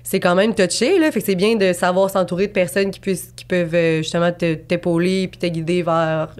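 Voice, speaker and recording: A woman's voice: fairly low pitch, fairly quick. Chatty Québécois woman in her twenties. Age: 20s. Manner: chatty and rambling, full of fillers and restarts. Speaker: abstract painter, guest. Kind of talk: casual podcast interview.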